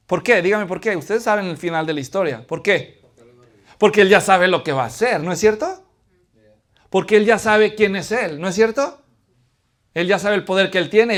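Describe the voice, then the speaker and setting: A man from Latin America preaching a sermon who asks his listeners questions and answers them, moving between hushed pleading and loud emphasis. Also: high-pitched.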